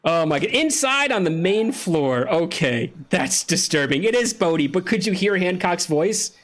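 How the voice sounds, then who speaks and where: A man's voice: high-pitched, big pitch swings, moderate pace, fairly bright tone. A man giving casual, joking let's-play commentary while chatting with a friend. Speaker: gaming streamer.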